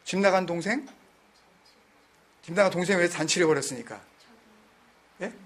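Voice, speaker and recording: High-voiced husky man teaching scripture. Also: normal speed. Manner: keeps quizzing his listeners; conversational, mixes in English words. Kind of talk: Bible study teaching.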